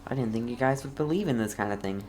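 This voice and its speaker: A woman's voice: a bass voice, quick pace. A woman giving casual let's play commentary with dry, skeptical asides. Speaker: game streamer. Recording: game music behind the voice.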